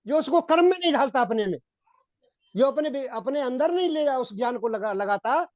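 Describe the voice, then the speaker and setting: A man giving a Hindi-accented sermon on Vedic philosophy, repeating phrases and often addressing his listeners as gentlemen. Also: very high-pitched, animated, normal speed, no echo. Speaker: Vedic preacher. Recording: dull, dry lo-fi recording.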